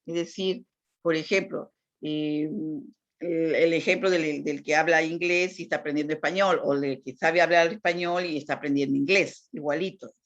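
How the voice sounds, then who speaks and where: Woman teacher lecturing, lowish voice, keeps asking "right?", muffled lo-fi sound. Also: fairly even intonation, moderate pace. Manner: explanatory, frequent tag questions. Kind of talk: lecture on communication. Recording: dull lo-fi recording.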